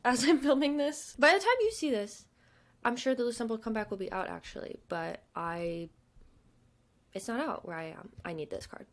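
Sitting at her home desk, a young woman vlogger with a stutter chats casually about shopping. Her voice is medium-pitched, full of fillers and soft murmured asides.

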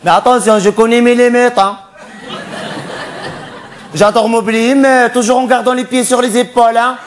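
A male comedian on stage playing a flamboyant, cross-dressing cabaret dancer in a stand-up character monologue, camp and theatrical, quick to snap at the audience. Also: extremely high pitch, fairly even intonation, background noise. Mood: camp chatty.

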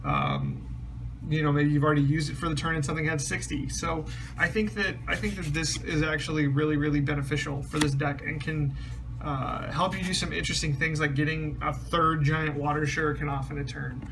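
A card game deck reviewer, a man with a slightly high, brisk voice and some vocal fry, casually explains a trading card deck. He rambles with lots of ums and restarts, sounding a bit strained as he loses his voice and clears his throat.

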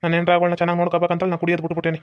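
A woman's voice: on the low side, completely flat delivery, racing, muffled recording, natural voice. A woman with a North Karnataka Kannada accent voicing a boastful uncle in a cartoon, a swaggering man who has given up drinking. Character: boastful uncle, a reformed drinker, teasing his bride-to-be. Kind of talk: hobby cartoon voice acting.

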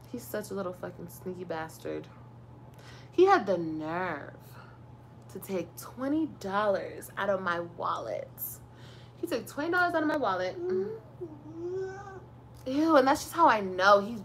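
A woman's voice: medium pitch, a bit bright, a little hiss or hum. A young woman venting a profane, sarcastic story to her live stream viewers.

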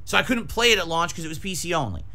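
A man in his forties rants at his livestream chat in a fairly high, bright and forceful voice. He is agitated and combative, swearing freely and repeating phrases to drive each point home. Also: expressive, rapid-fire. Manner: profane, emphatic, repeats phrases for emphasis. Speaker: variety game streamer. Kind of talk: livestream rant to chat viewers. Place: small decorated home streaming room, indoors. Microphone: close desk microphone with pop filter.

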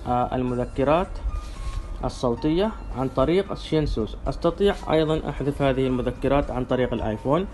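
Halting male tutorial presenter, mid-pitched. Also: darkish tone, soft background music. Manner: halting, instructional. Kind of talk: step-by-step spoken software demonstration.

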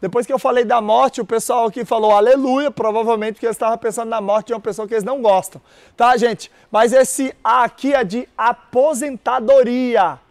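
Male teacher with a very high voice, energetic lecturer who keeps quizzing the room. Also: a little fast. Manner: energetic, repeats key words, quizzes audience. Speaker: exam prep teacher. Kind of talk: live-streamed lecture with call-and-response.

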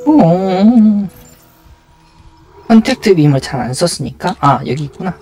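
A man's voice: fairly high pitch, lively intonation, fast talker, a little mellow, faint music behind. A man giving casual live video game commentary, muttering and thinking aloud to himself as he plays.

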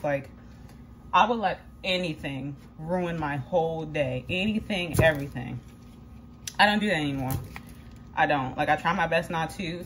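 A woman's voice: on the low side, a little hiss or hum. A young woman talking casually to her vlog audience while cooking in her kitchen, chatty and candid, filling her talk with "like" and casual swearing. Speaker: vlogger. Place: home kitchen.

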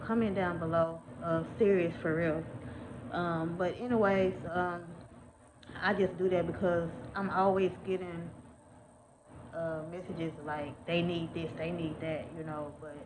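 A woman in her thirties chatting casually to her viewers, with lots of ums and y'alls, recorded on a phone held at arm's length. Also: deep voice. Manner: chatty, many ums, says y'all often. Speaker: vlogger, mother of twins. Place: indoors at home, then outdoors walking. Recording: noisy phone recording with ambience.

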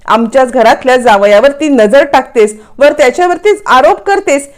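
A woman's voice: high voice, moderate pace, natural voice. Scornful mother-in-law, read by a woman. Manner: contemptuous, scolding.

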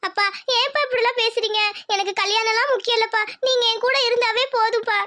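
A performer voicing a sad, gentle young village daughter in a cartoon, talking softly and pleading. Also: very high-pitched, steady tone, fast talker. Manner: soft, pleading.

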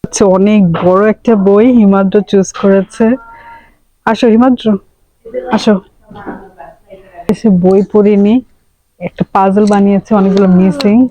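Young woman, casual daily-vlog narrator, warm mellow tone, chatty, handheld phone mic. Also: medium pitch, little pitch movement, unhurried, long pauses, low-quality recording. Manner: chatty running commentary, slips English words into her speech. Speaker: vlogger and mother. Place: outdoors in winter and inside a library.

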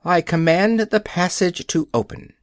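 A man's voice: sits high, a little slow, no echo, studio quality, voice pushed up. A man reading a firm, brave young girl.

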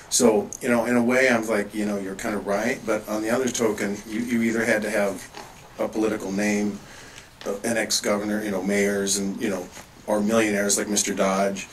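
Brief: regular guy at the podium, low voice, plain conversational public comment. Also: slight background noise, rough recording. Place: public board meeting room. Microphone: standing podium mic.

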